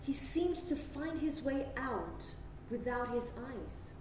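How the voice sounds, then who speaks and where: This woman's voice sits high and a little mellow, moving slowly with big pitch swings. As a drama coach, she instructs and models classical monologue lines to be repeated, captured in an echoey room with a distant mic and faint noise.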